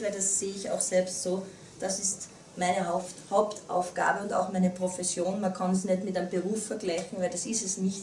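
A woman's voice: mid-range voice, dark tone, slight background noise. A woman in her thirties with an Upper Austrian accent gives an earnest talk to a small group, often restarting her sentences. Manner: earnest, with many restarts and fillers. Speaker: guest speaker. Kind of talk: public talk. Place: small meeting room. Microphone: far camera. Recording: roomy, distant camera audio.

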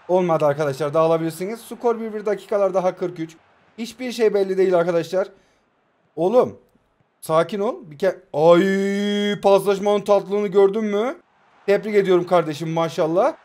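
Young Turkish man, high voice, excitable self-talking game commentary. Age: 20s. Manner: excitable, self-talking, swings from calm mutters to loud outbursts. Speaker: mobile football gamer and streamer. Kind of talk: live gameplay commentary.

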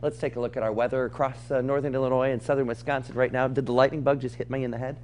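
A man's voice: mid-range voice, flat delivery, racing, darkish tone, a little hiss or hum. A man presenting live TV weather in a studio, with casual asides.

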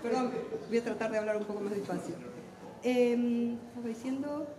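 A middle-aged woman with an Argentine accent, a literary translator talking quickly and intensely on a book fair panel, with self-deprecating humor. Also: fairly high pitch, noisy background. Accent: Argentine Spanish. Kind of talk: lively public talk at a book fair. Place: large hall at a book fair. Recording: echoey hall with long reverb.

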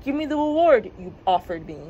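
A woman voicing a calm, mysterious piper. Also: sits high, fairly quick, lo-fi sound, slight background noise, pitched above the performer's own voice. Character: mysterious thin male piper stranger.

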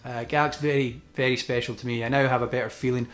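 A man's voice: medium pitch, fairly even intonation, quick pace, a bit bright. A man in his twenties with a Scottish accent, talking informally to camera in a small room. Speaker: gaming video creator. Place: small indoor room with desk.

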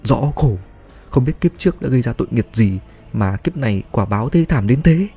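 A man's voice: medium pitch, animated, a little fast, warm tone, slightly rough, soft background music. A man voicing a timid, grieving villager in a horror storybook, lamenting their fate.

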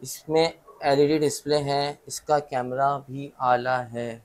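Shopkeeper rattling off phone specs. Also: male voice, medium pitch, steady tone. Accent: Pakistani Urdu. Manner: brisk, lists specs, repeats "okay?" to check understanding. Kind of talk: sales pitch to camera. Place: mobile phone shop in a market.

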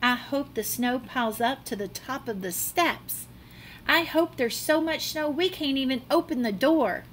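A middle-aged woman with a high-pitched voice performs a children's picture book in teacher fashion inside a small classroom. She draws out words dramatically and reads with lively expression, and the recording carries a little hiss or hum.

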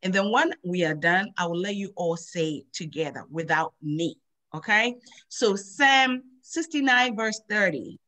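A middle-aged woman hosts a children's Bible program over a video call, drilling memory verses slowly in a sing-song teacher voice. Her pitch is medium and her tone is sharp.

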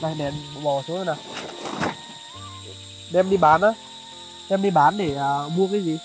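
A man's voice: on the high side, normal speed, music in the background, poor audio. Polite man vlogging outdoors. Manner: polite, addresses viewers often, many fillers. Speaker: charity vlogger. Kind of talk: vlog narration and chat on location. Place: outdoors in a highland village.

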